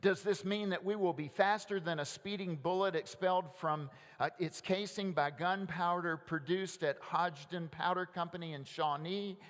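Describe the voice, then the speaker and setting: A man preaching a sermon as pastor, asking rhetorical questions and leading the congregation in call-and-response, often dropping soft and low. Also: fairly even intonation, moderate pace, hardly any pauses. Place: large church sanctuary. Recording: long church reverb.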